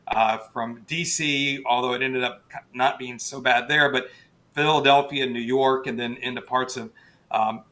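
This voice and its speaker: A man talks as a guest meteorologist in an interview. He explains things in a conversational, halting way, leaning on certain words for emphasis. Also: mid-range voice, bright, forceful tone. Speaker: guest, television chief meteorologist.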